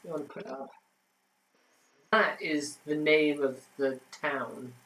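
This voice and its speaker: A man's voice: on the high side, takes it slowly, bright, forceful tone, poor audio. Chatty man hosting a quiz. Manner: chatty, reads answers then adds trivia with many fillers. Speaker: quiz host. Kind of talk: casual quiz reading on a livestream.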